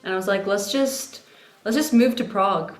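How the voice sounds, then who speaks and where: A woman's voice: mid-range voice, moderate pace, echoey room. A young woman from the Czech Republic, a band singer, chatting casually in an interview and often laughing and quoting herself. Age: young adult.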